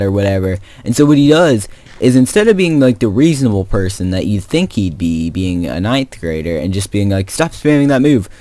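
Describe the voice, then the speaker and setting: A man's voice: fairly low pitch, no room sound. A teenage boy telling a rambling story in a casual way while playing a video game, with lots of fillers and restarts. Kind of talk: casual storytime over gameplay commentary.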